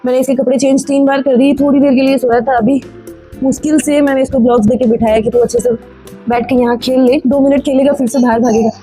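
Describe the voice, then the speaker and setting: A young woman from Rajasthan talks through her day in a high, light voice, rambling to viewers in a relaxed, chatty way. Her colours every line, and she is speaking into a phone camera at home. Faint music sits quietly behind her. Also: fast, rough recording. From Rajasthan, India. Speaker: vlogger and mother. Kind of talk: casual daily-life vlog narration. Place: at home, indoors.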